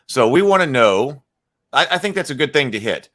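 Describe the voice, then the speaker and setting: A man runs a casual live stream, reading viewer chat aloud and responding while he thinks out loud with frequent fillers and restarts. He speaks at normal speed in a medium-pitched, sing-song voice that's a bit bright.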